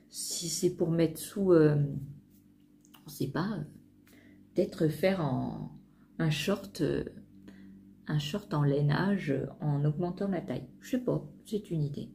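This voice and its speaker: Hesitant woman with a dark voice. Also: deep voice, takes it slowly, gravelly, long pauses, a little hiss or hum. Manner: hesitant, many fillers and restarts. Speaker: sewing vlogger. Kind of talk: casual talk to camera.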